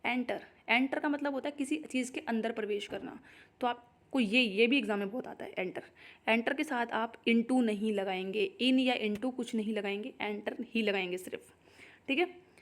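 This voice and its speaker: A young woman with an Indian accent and a somewhat high-pitched voice teaches English grammar for competitive exams. She explains each point step by step, pausing often to check that her students are following. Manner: explanatory, repeats "ठीक है" to check understanding. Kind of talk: exam-prep grammar lesson in Hindi.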